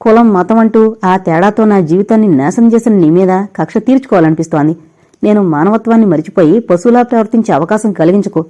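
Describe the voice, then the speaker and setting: A heartbroken young man pours out pained, bitter words, begging his lost love to leave him. A woman reads him in an audio novel. The voice stays mellow and warm. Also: medium pitch, quick pace, highs cut off, lightly acted. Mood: anguished. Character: heartbroken young man drinking himself to ruin.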